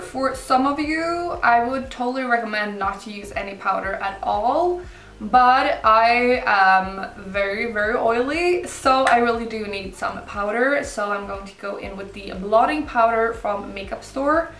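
A young woman casually talking through a makeup tutorial in an informal, unhurried way. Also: fairly high pitch, a bit bright, slight background noise. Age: young adult. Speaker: beauty vlogger. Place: indoor room set up for filming, backdrop. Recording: roomy, slightly distant mic, music behind.

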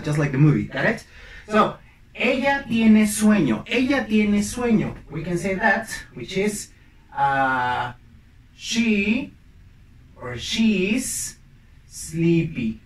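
Young man teaching English at a whiteboard. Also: sits high. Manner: drills phrases by repetition, playful asides. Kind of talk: bilingual classroom lesson. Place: small room at a whiteboard. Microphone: camera mic from a few feet away. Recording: roomy, distant mic, faint hiss.

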